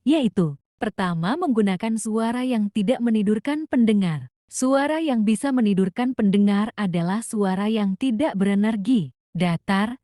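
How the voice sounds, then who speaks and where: A woman narrating a nonfiction audiobook in a calm, even, instructive reading style. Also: a little high, no echo, studio quality.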